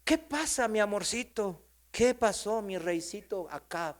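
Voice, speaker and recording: A man's voice: high-pitched, big pitch swings, moderate pace, in a large hall. A man voicing a scheming, sweet-talking queen. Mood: coaxing. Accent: Mexican. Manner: coaxing, then bossy.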